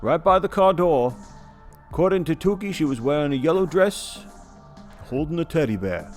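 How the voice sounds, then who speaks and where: A man's voice: on the high side, animated, moderate pace, faint music behind, pitched above the performer's own voice, natural voice. A man putting on a cryptic small-town barkeep. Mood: knowing. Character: male small-town bartender, cryptic and matter-of-fact.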